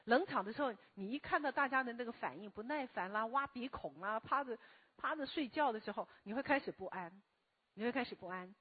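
Woman lecturer, slow and deliberate, asks her class questions, lively rising and falling pitch, slightly hoarse, dry close sound with no room echo. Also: phone-quality sound. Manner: speaks slowly and deliberately, often asking the listeners questions. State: a bit hoarse from a recent cough. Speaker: lecturer and meditation teacher. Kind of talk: spoken self-help lecture to a live class.

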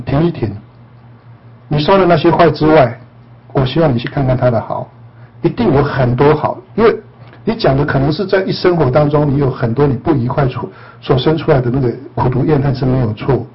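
Husky-voiced man teaching with playful laughs. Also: mid-range voice, a little fast, muffled recording. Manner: playful, laughs often, teasing. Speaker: spiritual teacher and counselor. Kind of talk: joking talk to a group.

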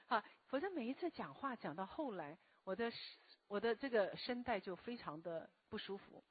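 A woman lecturing a class in a slow, deliberate way, often asking the listeners questions, her voice a bit hoarse from a recent cough. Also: mid-range voice, sing-song, narrow, tinny audio, slight background noise. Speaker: lecturer and meditation teacher. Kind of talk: spoken self-help lecture to a live class.

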